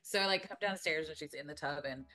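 Guest co-host, woman, 30s, deep-pitched, animated storyteller; faint background music. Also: fast talker. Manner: animated storyteller, acts out quotes. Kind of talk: casual podcast chat.

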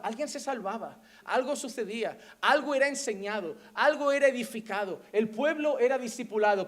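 A man with a Spain Spanish accent preaching a sermon as pastor, emphatic and animated, full of rhetorical questions. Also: high-pitched.

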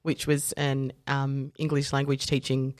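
Her voice is very deep and a little slow, captured in a dry, clean studio recording. This South African-born woman, who grew up in Australia, tells lively stories as a podcast guest, voicing others' lines and peppering her talk with fillers and self-corrections.

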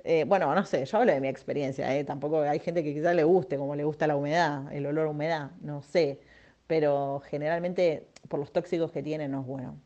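Low, mellow Argentine woman chatting. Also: fairly even intonation, a little fast, muffled recording. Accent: Argentine Spanish. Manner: chatty, self-mocking, lots of fillers. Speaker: podcast host. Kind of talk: casual monologue.

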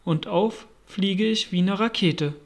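A man's voice: high voice, slow, vocal fry, full character voice. A man voicing a small, dazed male lizard in a storybook, weak and breathless.

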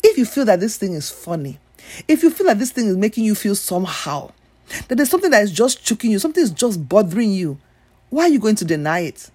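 A woman's voice: mid-range voice, very animated, fast, a little mellow, slightly rough. A woman putting on a Nigerian accent to voice a stern elder lecturing someone to advise themselves. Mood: scolding.

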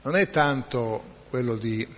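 A man's voice: mid-range voice, unhurried, fairly bright tone, big-room sound, slight background noise. A man teaching a spiritual class in a conversational lecturing way, often checking in with his listeners and restarting his phrases. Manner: conversational, frequent tag questions and restarts.

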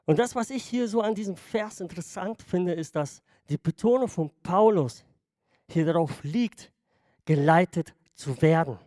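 A man's voice: sits high, animated, normal speed, dark tone, no echo, clean studio sound. A man preaching a sermon to his congregation in a conversational way, often checking in with them. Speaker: pastor.

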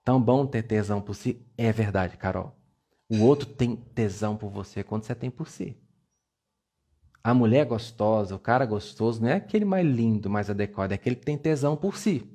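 Husky-voiced man coaching on a livestream. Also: on the low side, fairly quick, warm tone. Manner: playful, coaxing, repeats words for emphasis. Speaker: live-stream self-esteem coach. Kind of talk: motivational live-stream talk.

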